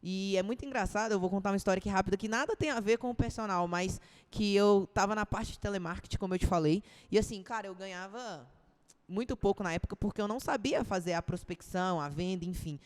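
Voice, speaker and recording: A woman's voice: mid-range voice, fast. Chatty young Brazilian woman telling stories. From Brazil, Ceilândia (Brasília). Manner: chatty storyteller, slangy, many restarts. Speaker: personal trainer, podcast guest. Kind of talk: casual podcast conversation.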